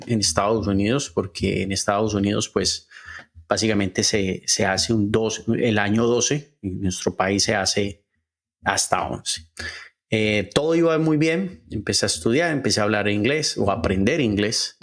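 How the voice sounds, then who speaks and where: A podcast host from Cali, Colombia, tells his personal story in a monologue, his voice on the low side and his Colombian Spanish accent clear. He sounds earnest and halting, using frequent "eh" fillers and slow, deliberate stretches.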